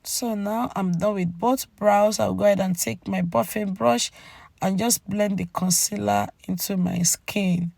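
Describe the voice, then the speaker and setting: Female beauty vlogger, casual voice-over, cracking gravelly voice from a cold, mid pitch, talks directly to viewers. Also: fairly even intonation, unhurried, darkish tone, no room sound. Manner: chatty, addresses viewers directly with tag "okay?". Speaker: beauty channel host. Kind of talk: makeup tutorial voice-over, casual narration.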